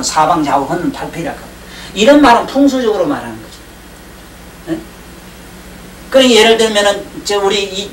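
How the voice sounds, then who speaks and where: A man giving a classroom lecture on Chinese classics, rambling and joking and often checking in with his class. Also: high voice. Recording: roomy 1990s lecture tape, distant mic, faint hiss.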